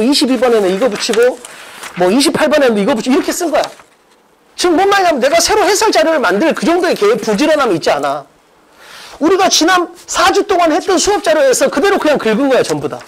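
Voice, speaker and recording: High voice, poor audio quality. The speaker runs an academy and teaches English exam prep, here going over a practice test with students in an emphatic, relaxed manner, repeating key points, asking rhetorical questions, and keeping the tone informal.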